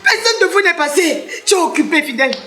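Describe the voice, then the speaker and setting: Actress plays a Cameroonian widow: very high, bright voice, theatrical wailing, echoey room. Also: female voice, lively intonation, fast. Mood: scolding. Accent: Cameroonian French. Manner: theatrical, loud, wailing laments. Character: loud grieving middle-aged widow, dramatic wailer. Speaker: widow in a comedy sketch.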